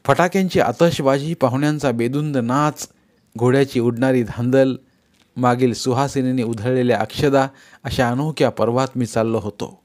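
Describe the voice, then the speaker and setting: A man narrates a first-person tale in an even, mid-range voice. His delivery is measured with a dry, wry touch, the pace of a patient storyteller. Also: medium pitch. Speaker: audiobook narrator.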